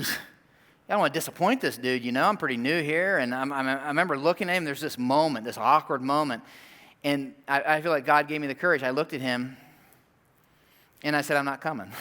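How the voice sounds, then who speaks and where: A man's voice: fairly high pitch, pushed and bright. A middle-aged man preaching a sermon as pastor, telling personal stories in a conversational way with frequent asides to the congregation. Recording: long reverb of a church hall.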